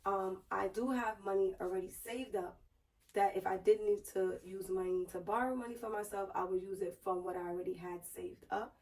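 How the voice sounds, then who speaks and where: Female vlogger, hoarse and strained as if recovering a lost voice, mid pitch, casual explainer delivery, slightly off-mic. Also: steady tone, normal speed, a little mellow, far from the mic, rough recording. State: hoarse, strained voice just back after losing it, sore throat. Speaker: YouTube vlogger. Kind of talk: casual personal finance vlog.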